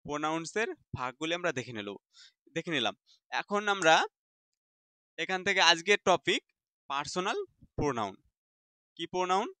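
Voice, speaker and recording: In a Bengali classroom lesson, a man with a bright, pushed, somewhat high voice teaches English grammar, posing questions and answering them himself while repeating key terms. There's no echo on the recording.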